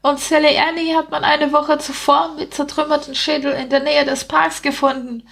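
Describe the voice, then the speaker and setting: A woman doing a squeaky, cheeky street rat. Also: flat delivery, moderate pace, gravelly, fairly bright tone. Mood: mocking. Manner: indignant, mocking, high squeaky voice.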